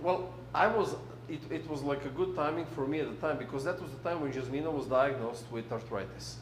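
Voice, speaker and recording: A pastor in his thirties, speaking English with a foreign accent as a non-native speaker, delivers a casual, chatty sermon. His medium-pitched voice moves fairly quickly, full of fillers and restarts, and he laughs easily. A little hiss or hum sits under the recording.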